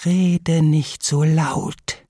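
Man doing a slow, timid lame duck. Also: on the high side, steady tone, no echo, studio quality, voice pushed up. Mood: hissing. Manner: slow, hushed, pleading.

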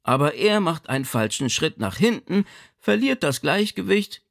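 Brief: a man playing a brisk, pragmatic older mother, raised pitch, animated storytelling. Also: vocal fry, full character voice.

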